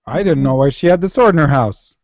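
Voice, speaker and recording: A man co-hosting a casual fan discussion podcast, talking in halting, animated bursts with restarts. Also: fairly high pitch, no room sound. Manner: animated, halting restarts, quotes lines in a raised voice. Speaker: podcast co-host. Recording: dull lo-fi podcast audio.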